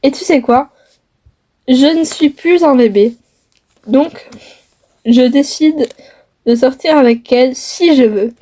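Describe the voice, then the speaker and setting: A woman's voice: high voice, slow, pauses often, dark tone. A woman playing a young man in love who defies his mother, earnest and hesitant with many fillers, in a homemade skit.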